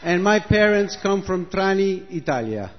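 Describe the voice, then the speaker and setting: On an outdoor stage, an Argentine man introduces his music to a concert crowd, joking and switching languages in a loose, chatty way. His voice is high and very animated at normal speed. The live recording is muffled and very noisy, with the audience audible.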